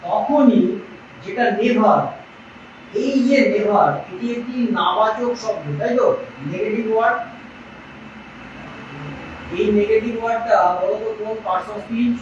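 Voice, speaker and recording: A man teaching an English grammar class in a classroom, firing questions at students and dictating slowly. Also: high-pitched. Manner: quizzes students with repeated questions, slow dictation. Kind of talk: classroom lecture in Bengali. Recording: echoey dull classroom recording from far off, noisy.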